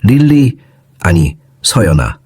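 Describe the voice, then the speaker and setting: Tender, husky elder brother in an audio story, voiced by a man reading; low and soft. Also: very animated, takes it slowly, no room sound, clean studio sound, full character voice. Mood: tearful. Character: grieving young man, gentle elder brother.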